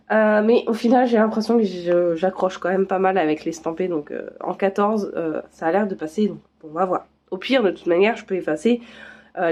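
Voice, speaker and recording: A craft vlogger unboxes craft kits and chats casually in a lowish, mellow, soft-edged voice. She talks in loose, easygoing runs, stopping often for fillers and restarts.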